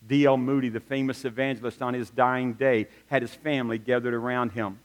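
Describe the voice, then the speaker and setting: A middle-aged man preaching a sermon as pastor, telling stories with humorous asides and lively emphasis. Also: medium pitch, brisk. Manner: animated storytelling with humorous asides. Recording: long reverb of a large hall.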